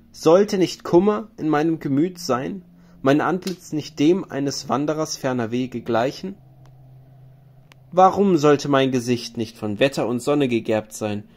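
A man voicing a grieving hero king, a weary wanderer, in solemn lamenting recitation. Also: on the high side.

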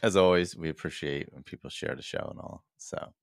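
Very deep-voiced man on a podcast. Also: a little fast, vocal fry, no room sound, clean studio sound. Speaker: podcast co-host. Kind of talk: casual chat.

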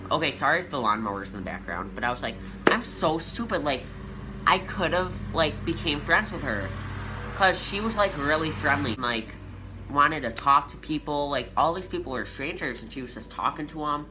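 A man's voice: on the high side, normal speed, music in the background. A teenage boy telling a casual storytime to his channel, chatty and full of "like" fillers. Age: teens. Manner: chatty, filler-heavy with frequent "like"; youthful and animated. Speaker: vlogger.

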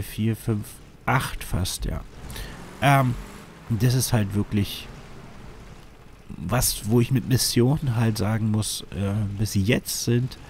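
There's a little hiss or hum behind this man's gravelly, darkish, lowish voice. He's a gaming YouTuber with a cold and a sniffle, hesitantly rambling through let's-play commentary with plenty of fillers.

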